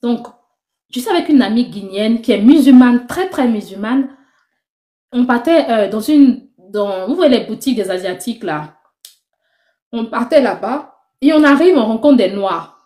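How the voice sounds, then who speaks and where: A young woman giving a lively personal faith testimony, acting out the conversations she tells. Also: a little high, normal speed. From Ivory Coast. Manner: animated storytelling, acting out dialogue. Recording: roomy echo.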